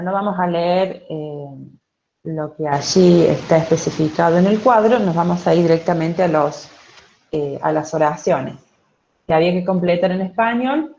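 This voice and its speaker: Speaking in a low, mellow voice, this Spanish-speaking woman patiently walks her online students through English at a slow pace, often asking "¿sí?" or "¿ok?" to check they follow. The audio is dull, with a little hiss or hum.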